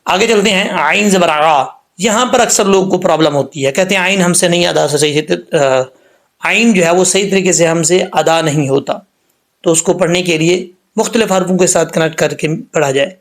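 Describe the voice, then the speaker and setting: A man teaching Quran recitation rules, explaining letter by letter and slowly drawing out the recited words. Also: sits high. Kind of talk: tajweed lesson with slow recitation.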